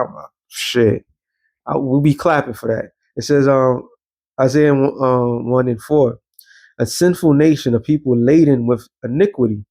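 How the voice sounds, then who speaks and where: Here the preacher's voice is medium-pitched, gravelly and a little mellow. Hosting his show, he delivers a blunt, slangy, profane street sermon, reading scripture and breaking it down with rhetorical questions and repeated check-ins like a teacher.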